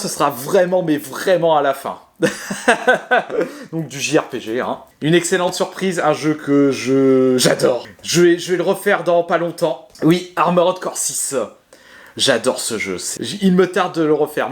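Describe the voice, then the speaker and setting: A man casually showing his video game collection to his viewers, chatty and hesitant, with many fillers, restarts and self-mocking laughs. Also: on the high side. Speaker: gaming video creator. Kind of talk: casual talk to camera.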